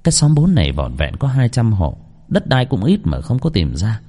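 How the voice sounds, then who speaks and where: A man narrating a ghost story in an expressive storytelling manner. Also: mid-range voice, normal speed.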